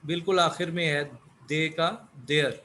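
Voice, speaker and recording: Man, Urdu native, English teacher, slow deliberate delivery, faint background hiss. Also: on the high side, level tone, bright, forceful tone. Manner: asks questions then answers them, repeats words. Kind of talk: slow explanatory lesson.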